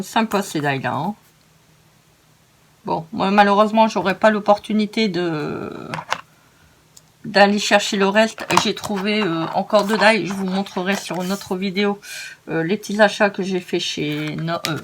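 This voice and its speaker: A woman's voice: mid-range voice, slight background noise. Tired, chatty northern French woman crafter. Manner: chatty, rambling, many hesitations, laughs at herself. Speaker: crafting tutorial host. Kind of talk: casual step-by-step craft tutorial.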